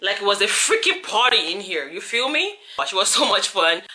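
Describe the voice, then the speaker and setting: Late at night on her living room couch, a tired young woman wraps up her vlog, chatty and rambling with lots of "like" and "you feel me," camera held at arm's length. Her mid-range voice, deeper than usual from fatigue, is brisk, pushed and bright with big pitch swings.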